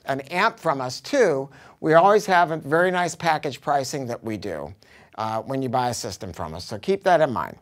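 Here an American man in his 60s, a hi-fi dealer, talks up a product in loose, off-the-cuff sales chat, his delivery lively, forceful and full of slang. The setting is a carpeted showroom for audio gear, with curtains and acoustic panels.

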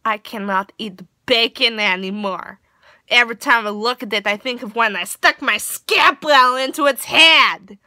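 A woman's voice: fairly high pitch, measured pace, no room sound. A teenage girl voicing an exasperated girl with a thick fake Russian accent, doing a comedic rant with broken grammar. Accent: put-on Russian. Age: teens. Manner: loud mock-serious ranting, broken grammar.

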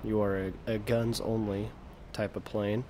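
Relaxed low-voiced American gaming commentator. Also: male voice, measured pace, a little hiss or hum. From United States. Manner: relaxed, self-deprecating, trails off mid-sentence. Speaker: gaming video creator. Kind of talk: casual gameplay commentary.

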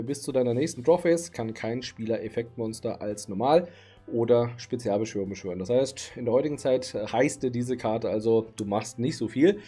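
Late at night in his home streaming room, a man in his thirties chats easily to camera about the card market, filling his talk with "ums" and "likes." His medium-pitched voice sounds dark, husky, and tired.

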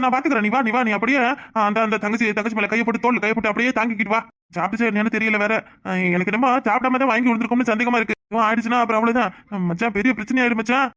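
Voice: mid-range voice, dry recording, studio quality, natural voice. A voice actor with a Tirunelveli Tamil accent playing a panicky, outspoken village brother-in-law in a family cartoon. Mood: urgent. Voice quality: excitable, loud, nagging.

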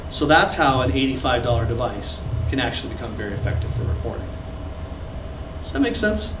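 Heard from far off in an echoey, noisy small classroom through a camera at the back, a recording clinic instructor in his thirties explains gear to a seated audience. He's chatty, gestures as he explains, and jokes with the crowd. His medium pitch swings widely, and he talks fairly quickly.

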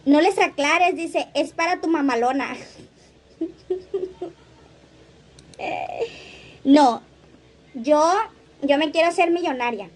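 Livestream host, woman, high voice, gossipy and playful. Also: slow pace, pauses often. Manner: chatty, laughs often, reads comments aloud. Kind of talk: casual livestream chat reading comments.

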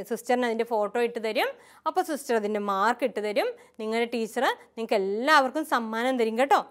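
A high, bright-toned woman, a nun with a Kerala Malayalam accent, teaching a children's catechism class. She speaks in a sweet, sing-song, coaxing way, pausing for the little ones to answer.

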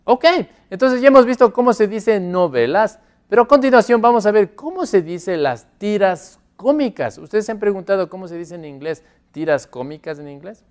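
A man who speaks Spanish natively, teaching an English lesson, modelling phrases slowly and repeating them with care. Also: high-pitched, lively intonation, clear, resonant tone. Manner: slow, careful modelling of English phrases with repetition. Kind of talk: classroom lesson. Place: classroom with a board.

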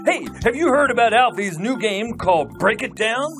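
A woman's voice: a little high, expressive, moderate pace, over music, lightly acted. A woman voicing a cheerful, encouraging puppet friend in a children's show, upbeat and coaxing.

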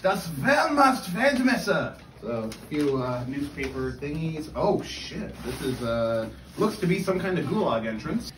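A man chatting with friends while going through packages, excitable and quick to swear. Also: mid-range voice. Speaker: guest friend. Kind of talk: casual group chat. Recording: roomy, distant, noisy recording.

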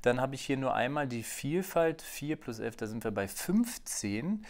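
Give me a man with a creaky voice, casually narrating a board game let's play and thinking out loud. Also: mid-range voice, expressive, measured pace. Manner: thinks aloud, counting cards under his breath. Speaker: board game video co-host.

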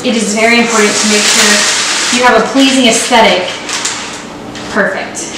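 A woman's voice: a little high, fairly even intonation, normal speed. A young woman hosting a casual baking video in her home kitchen, joking and chatting in a bubbly, playful way, recorded by a camera set back from her. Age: young adult. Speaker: vlogger. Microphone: far camera. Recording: echoey kitchen with noise.

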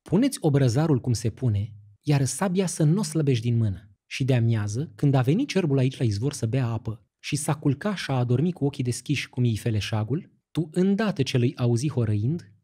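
A calm old holy woman gives steady instructions, as a male reader puts her on. The voice is mellow and slightly husky, unhurried and firm, in an audiobook fairy tale. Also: mid-range voice. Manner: instructive, measured counsel.

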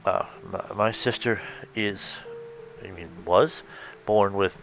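Low-voiced man musing through a reading. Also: steady tone, creaky, muffled recording, music in the background. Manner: thoughtful, halting, many fillers and self-corrections. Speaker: reader and reviewer of fan fiction. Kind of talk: reading aloud with commentary.

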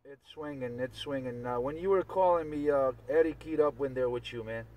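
The speaker is a CB radio operator in relaxed conversation, trading signal reports and repeating himself often. He has a medium pitch and talks fairly quickly. Heard through a CB transmission, the recording is distant and very noisy.

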